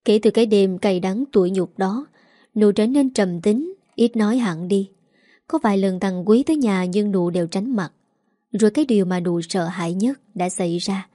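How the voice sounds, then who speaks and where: A woman narrating a village drama audiobook in a calm, measured reading voice. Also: medium pitch, no echo, clean studio sound. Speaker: story narrator. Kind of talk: audiobook storytelling.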